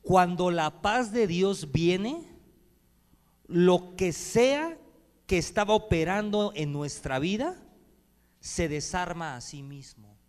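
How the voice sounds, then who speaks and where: High-voiced preaching pastor in a reverberant hall. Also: male voice, lively intonation, slow pace. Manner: swings between loud preaching and hushed speech; addresses the congregation directly with calls to respond. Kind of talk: sermon. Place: church hall.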